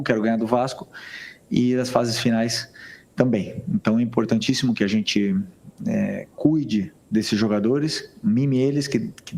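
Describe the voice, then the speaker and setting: A man answering as a football coach at a press conference, hesitant with many pauses. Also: mid-range voice, darkish tone. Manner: hesitant, full of pauses and restarts.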